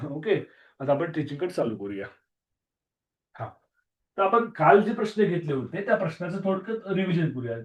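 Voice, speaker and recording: A slightly hoarse man with a Marathi accent, teaching a strict online maths class over a video call and repeating key words, with some English mixed in. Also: a little high, big pitch swings, moderate pace, pauses often. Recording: muffled video-call audio.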